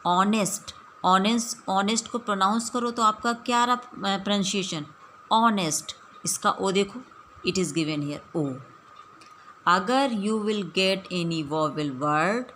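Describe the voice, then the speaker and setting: A woman teacher explaining a grammar lesson patiently, mixing languages and repeating slow example sentences. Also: mid-range voice, fairly bright tone, a little hiss or hum. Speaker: English teacher.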